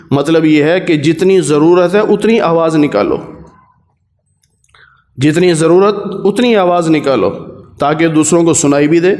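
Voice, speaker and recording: A man with a Pakistani Urdu accent teaches a Quran commentary lesson in a fairly high voice. He explains each verse plainly and repeats his key points. He recites the Arabic verses slowly. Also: a little mellow.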